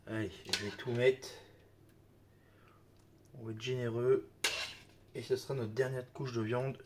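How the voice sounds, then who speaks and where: Slightly slow and fairly even in intonation, a man's mid-range voice carries over background noise and the rattle of dishes and utensils. Hosting a cooking video with a mild cold, he talks casually as he cooks, sprinkling in "hop" and "hein."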